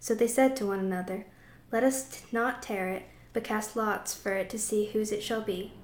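Female scripture reader, mid pitch, careful delivery, roomy sound. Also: steady tone, normal speed. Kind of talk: reading scripture aloud. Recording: echoey room.

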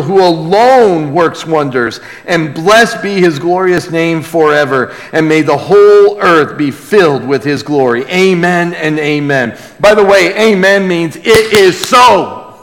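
In an amplified live sermon, a high-pitched man reads scripture and preaches at a measured pace with emphatic reverence. He addresses a congregation in a large church hall, and the recording carries the hall's reverberation.

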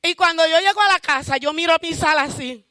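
Fervent high-voiced woman giving church testimony. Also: fast talker, no room sound, studio quality. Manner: fervent, interjects hallelujahs; self-described loud shouter.

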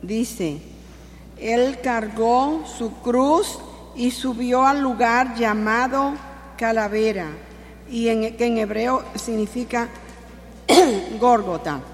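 Slow woman reading scripture in a hall. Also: a little high, slight background noise. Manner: slow, measured. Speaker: scripture reader.

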